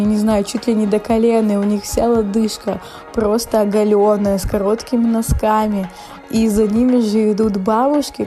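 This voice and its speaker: Woman, warm dark timbre, medium pitch, indistinct R sound, chatty informal reporting, light music. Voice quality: does not pronounce R clearly. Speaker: weather correspondent. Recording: music playing under the voice. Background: background music.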